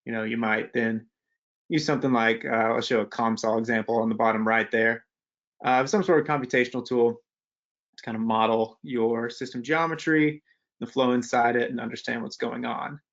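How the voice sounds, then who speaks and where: A man's voice: medium pitch, fairly even intonation, normal speed, gravelly, fairly bright tone, muffled recording. A young man presenting a technical webinar in a casual, conversational way, with many fillers and restarts. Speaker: webinar presenter, postdoctoral researcher.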